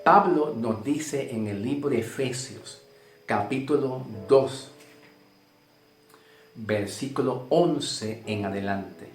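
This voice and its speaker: Slow Puerto Rican preacher, roomy sound. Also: male voice, mid-range voice. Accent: Puerto Rican Spanish. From Puerto Rico. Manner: repetitive, emphatic, checks in with "ok?". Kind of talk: sermon. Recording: roomy sound with faint guitar music.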